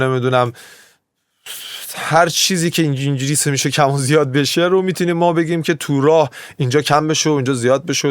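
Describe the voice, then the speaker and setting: A music producer teaches mixing in a casual, chatty tutorial, speaking in a medium-pitched voice with no room sound. He keeps drifting into tangents and then brushing them aside.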